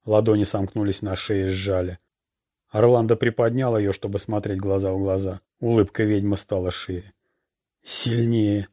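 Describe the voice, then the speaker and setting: A man narrating a fantasy novel chapter in a steady, even reading. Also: on the low side, normal speed. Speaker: audiobook narrator. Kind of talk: scripted narration.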